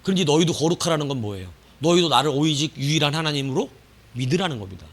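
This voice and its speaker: A male pastor delivering a sermon in a somewhat high voice that rises and falls in wide, lively swings. He keeps asking the congregation questions and answering them himself. Loud outbursts drop off into hushed endings. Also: quick pace. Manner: swings from loud bursts to quiet trailing phrase endings.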